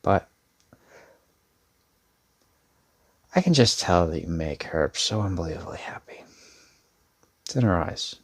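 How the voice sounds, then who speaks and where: In an intimate ASMR roleplay, a man plays a protective older brother, a laid-back but sincere young man, in one-sided dialogue. His deep, creaky, expressive voice is hesitant and earnest, with trailing pauses and an awkward, tender mood.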